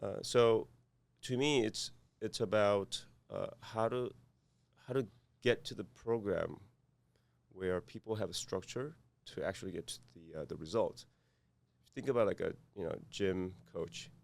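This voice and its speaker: A man from South Korea with a Korean accent, a podcast guest speaking haltingly with many fillers and restarts. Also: fairly low pitch, creaky. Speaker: guest, cybersecurity firm founder. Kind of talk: podcast interview.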